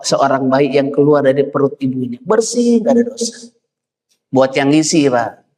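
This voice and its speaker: A man preaching a sermon, animated and lively, often jumping high in pitch to act out what others say. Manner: animated, leaps high when quoting and acting out figures. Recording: long hall reverb.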